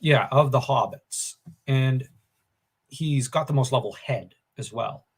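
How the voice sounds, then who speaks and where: A man's voice: mid-range voice, takes it slowly, husky. A man co-hosting a casual book discussion podcast, enthusiastic and opinionated, thinking aloud with fillers. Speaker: podcast co-host.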